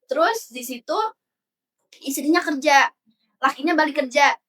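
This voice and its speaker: A woman's voice: high voice, moderate pace, a bit bright, recorded from a distance. A young woman co-hosting a casual talk show, explaining her views at length and acting out little examples. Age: young adult. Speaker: podcast co-host. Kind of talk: casual chat.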